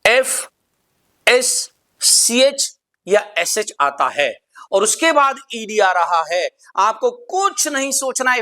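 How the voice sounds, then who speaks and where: A man's voice: sits high, pushed and bright. A man teaching English pronunciation in a lesson. He asks questions, answers them himself, and spells words out letter by letter. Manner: repeats rules for emphasis.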